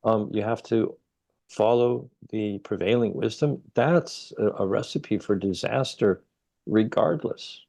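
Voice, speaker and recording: A middle-aged man from Ohio, a guest researcher telling stories in a casual interview, animated and emphatic. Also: slow pace, vocal fry. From Ohio, United States. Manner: animated storyteller, rising to emphatic highs. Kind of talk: casual conversation.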